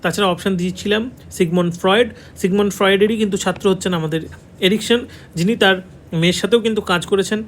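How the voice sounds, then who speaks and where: High-voiced Bengali man teaching a lesson. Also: steady tone, racing, a little hiss or hum. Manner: repeats key answers, checks in with "ঠিক আছে". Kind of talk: online exam-prep lesson. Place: classroom with a board.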